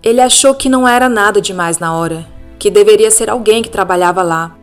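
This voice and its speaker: A woman with a Brazilian Portuguese accent, reading listener-sent ghost stories aloud as a podcast narrator in a calm, steady storytelling manner. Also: medium pitch, fairly quick. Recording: faint music bed behind the voice.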